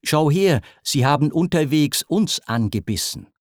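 A man's voice: on the high side, expressive, measured pace, no echo, studio quality. A man voicing two pale, frightened royal servants reporting grim news.

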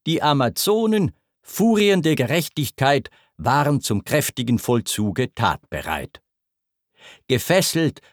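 A man narrating epic verse in a measured, expressive declamation. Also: mid-range voice, no room sound, clean studio sound. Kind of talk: reading epic verse aloud.

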